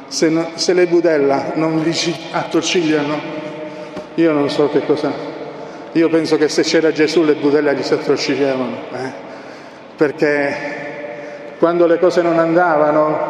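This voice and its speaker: A male preacher with a slightly high, slightly mellow voice delivers an impassioned sermon, hammering his points through emphatic repetition of key phrases. The recording is from an echoey hall with long reverb and faint noise.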